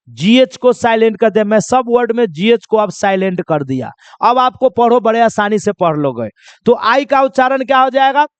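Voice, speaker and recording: A man with a very high, smooth voice teaches English phonics as a lesson. He keeps asking a question and answering it himself, and he stretches out the letters slowly when spelling. The sound is close and dry. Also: no echo. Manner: repetitive call-and-answer teaching, asking then answering his own questions; drawn-out slow spelling of letters.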